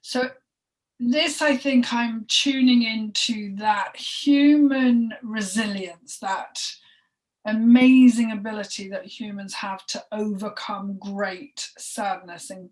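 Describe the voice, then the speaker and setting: A woman co-hosting a spoken energy healing session, talking in a halting, emotional way, with sighs and soft breathy asides. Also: medium pitch, fairly even intonation. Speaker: healing session practitioner and co-host. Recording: voice distant from the mic.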